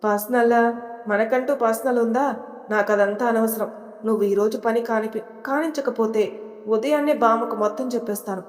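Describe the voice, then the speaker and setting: A woman's voice: fairly high pitch, fairly even intonation, normal speed, roomy sound, in a large hall, close to an everyday voice. A woman voicing a domineering young husband who mocks and threatens his bride in an audio story. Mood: threatening. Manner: bossy, mocking, threatening.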